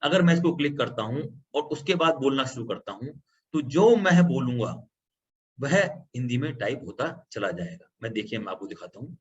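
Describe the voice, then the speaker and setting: A man's voice: mid-range voice, lively intonation, normal speed. A man patiently presenting a computer tutorial, explaining each step as he goes. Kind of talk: screen-recorded software tutorial. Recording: slightly dull lo-fi audio with faint background hum.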